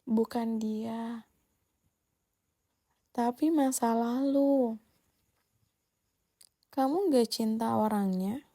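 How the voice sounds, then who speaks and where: A woman's voice: on the high side, mellow. A woman hosting a scripted relationship advice monologue, speaking bluntly and directly to the listener. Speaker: host.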